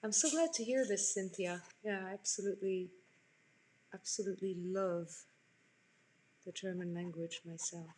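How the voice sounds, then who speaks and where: Speaking at a normal speed with long pauses, this woman has a medium-pitched, slightly mellow voice. She's a French art teacher in her forties hosting a live stream from home, chatting and responding to viewer comments as she draws. The audio is poor, with slight background noise.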